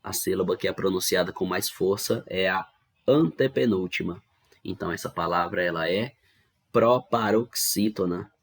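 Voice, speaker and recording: Here a man's low voice moves at normal speed as he gives a grammar lesson online from his home. He has a Brazilian Portuguese accent, explains patiently in steps, and regularly checks that learners follow along.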